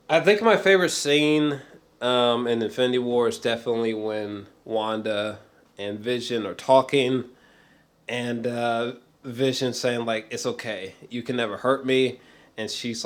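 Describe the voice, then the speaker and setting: Speaking at a measured pace in a medium-pitched voice, a man gushes about a film as an excited fan. His review is casual and rambling, full of swearing, hesitations and repetition for emphasis.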